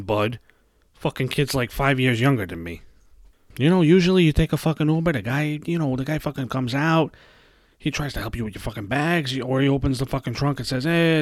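A young man hosting a podcast, ranting in a casual, animated way and swearing constantly. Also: medium pitch, no echo, clean studio sound. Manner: heavy swearing, animated storytelling. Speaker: podcast host. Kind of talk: casual profane rant.

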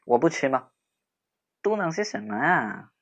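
A young man performing a role-play audio drama as a sharp-tongued, teasing childhood friend who softens into comforting, speaking with a lilt. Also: medium pitch, very animated, unhurried, a little hiss or hum. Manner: teasing, snarky, then gently soothing.

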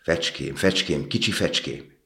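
A gentle, sorrowful prince from a storybook, imploring and selfless, voiced by a man reading aloud. His voice sits extremely low and deep, kept close to the reader's own plain tone. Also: lively intonation, heavily acted.

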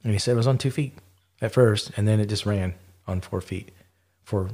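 Low-voiced man retelling a spooky story. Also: moderate pace, a little mellow. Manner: rambling, with frequent fillers and restarts. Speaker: podcast host. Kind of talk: casual chat, retelling eyewitness stories.

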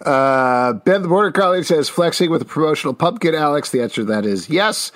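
A man's voice: on the high side, expressive, fairly quick. A middle-aged man hosting a show, reading out audience questions and chatting casually. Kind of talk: casual chat.

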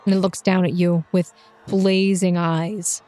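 A woman running a tabletop game, improvising descriptive narration with pauses between phrases. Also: on the low side, flat delivery, dark tone. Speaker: game master. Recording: music behind the voice.

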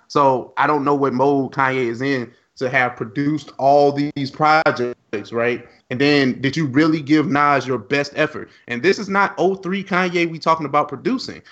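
A man co-hosting a casual podcast chat, blunt and animated, laughing often and swearing freely. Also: mid-range voice, muffled recording. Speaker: podcast co-host.

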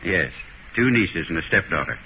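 An actor playing a formal, hesitant, fretful older millionaire in an old radio mystery. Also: male voice, low-pitched, lively intonation, normal speed, bright, forceful tone. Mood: courteous, resigned. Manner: formal, hesitant, matter-of-fact. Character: fretful, courtly older millionaire fearing his own murder. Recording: slightly noisy old radio recording.

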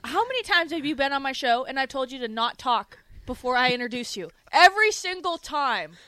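A woman's voice: high voice, lively intonation, a little fast, sharp tone, smooth, dry recording. A woman hosting a sports radio show, teasing and bossing her guests around in casual banter from the studio. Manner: bossy, teasing, laughs often.

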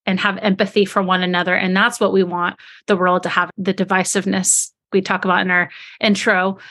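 A woman with a bright, clear-edged voice at a medium pitch. She talks as a podcast co-host in an earnest, reflective way, putting her thoughts together unscripted. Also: little pitch movement, brisk.

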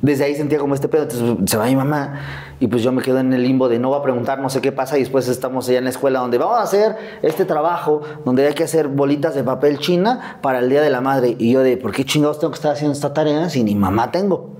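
A young Mexican man talks through his childhood in a candid, easygoing way, full of slang and casual swearing. His voice sits in a middle register, and he often slips into quick impressions of his family. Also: mid-range voice, a little mellow. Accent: Mexican Spanish. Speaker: interview guest. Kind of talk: casual storytelling interview.

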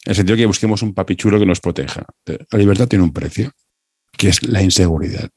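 A man's voice: deep voice, fast, a little mellow, breathy edge, no room sound, studio quality. A man, hosting a casual conversation and dropping wry joking asides. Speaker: podcast host.

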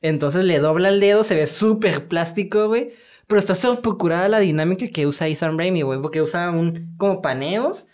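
A speaker with a Mexican accent in a casual film talk, animated and slangy, full of sound effects and filler tags. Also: medium pitch, a little fast.

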